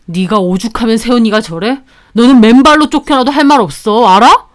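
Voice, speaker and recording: A woman's voice: on the high side, fairly quick, natural voice. A woman voicing a stern scolding older brother. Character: exasperated adult brother, scolding husband.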